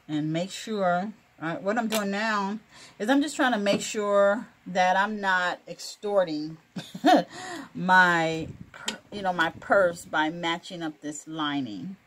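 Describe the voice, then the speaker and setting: Slow-talking woman chatting through a sewing tutorial. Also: on the low side, a little hiss or hum. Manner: chatty and encouraging, laughs often, many fillers. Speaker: crafting video host.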